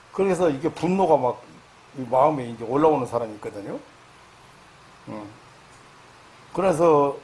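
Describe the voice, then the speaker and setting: A man preaching a sermon lecture as a pastor, halting with fillers, then rising loud and high to stress his points. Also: a little hiss or hum. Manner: halting, many fillers and restarts.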